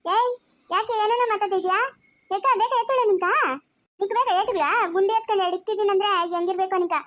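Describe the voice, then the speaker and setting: A woman's voice: very high-pitched, fairly even intonation, fast talker. A woman playing a quarrelsome village woman in a family skit, speaking rural Chikkaballapur Kannada and scolding with taunts.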